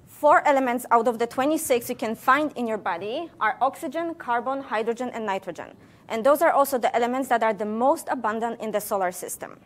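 A woman scientist giving a public science lecture with a somewhat high voice. She talks playfully, throws questions at the audience and slips jokes in between the facts. Her delivery is animated and conversational. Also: a little fast.

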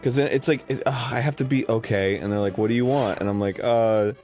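A young man co-hosting a casual gaming chat, rambling and repeating himself between bursts of loud laughter. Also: lowish voice, fairly quick, faint music behind. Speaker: co-host. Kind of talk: casual chat over a video game.

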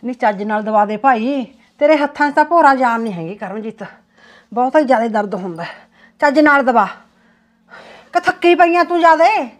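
A woman's voice: high-pitched, expressive, a little fast. An actress playing a nagging, gossipy older mother-in-law who keeps complaining. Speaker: actor. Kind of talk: amateur short-film acting.

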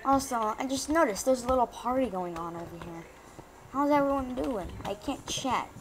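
A woman's voice: fairly high pitch, lively intonation, normal speed, noisy background. A woman giving casual gameplay commentary, rambling and poking fun at herself. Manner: rambling, self-mocking, chatty. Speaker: gaming YouTuber.

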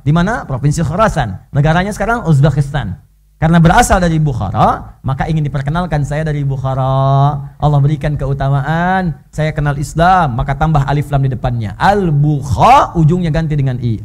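A man giving an animated sermon in a mosque, telling stories with lively dramatic delivery and an Indonesian accent. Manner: animated storytelling, leaps high when voicing characters. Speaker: preacher.

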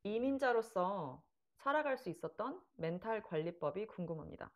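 Female interviewer, thirties, medium pitch, informal chat style, slightly dull lo-fi sound. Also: animated, normal speed. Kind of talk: casual question-and-answer interview. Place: small living room, on a sofa indoors.

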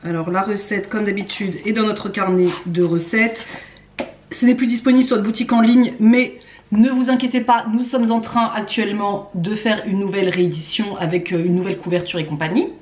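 A cooking vlogger in her thirties chats casually while cooking in her home kitchen, walking through each step of a recipe. Her mid-range voice has a darkish tone and fairly even intonation, and she speaks fairly quickly. The indoor recording is echoey, with music playing behind her.

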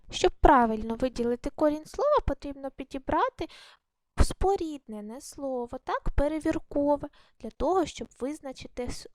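A woman's voice: high-pitched, darkish tone, no room sound. A woman primary school teacher giving a recorded class lesson, patiently asking questions and then answering them herself, with some hesitant fillers and self-corrections.

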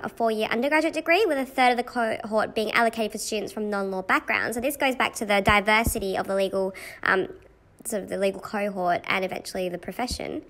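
A woman's voice: a little high, bright, forceful tone. Young woman explaining things in a vlog. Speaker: vlogger presenting a study topic.

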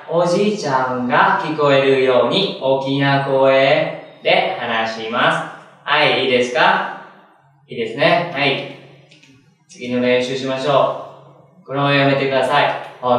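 A man's voice: mid-range voice, fairly bright tone. Echoey, distant male language teacher. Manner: asks questions and answers them himself; slow, drilled repetition of example sentences. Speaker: Japanese teacher. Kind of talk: language lesson. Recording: very echoey room, far from mic.

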